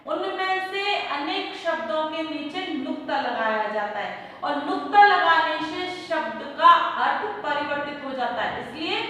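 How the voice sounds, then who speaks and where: A woman teacher giving a Hindi lesson, saying each word slowly and repeating it, often asking the class if it is clear. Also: high voice, lively intonation, sharp tone. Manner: slow, repeats each word for pupils, checks understanding. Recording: echoey classroom, voice from far off.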